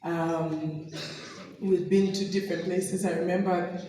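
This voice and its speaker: A woman's voice: fairly low pitch, steady tone, unhurried, mellow, a little hiss or hum. A middle-aged woman from Tanzania, giving an anecdotal personal testimony as a guest speaker and laughing often. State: recovering from a sore throat. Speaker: guest speaker, business distributor. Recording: echoey hall from far off.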